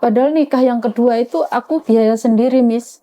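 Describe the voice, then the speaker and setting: A woman's voice: on the high side, moderate pace, mellow. A woman, calling in to confide a family dispute in a rambling, aggrieved way. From Indonesia. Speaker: caller. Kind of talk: emotional personal confession.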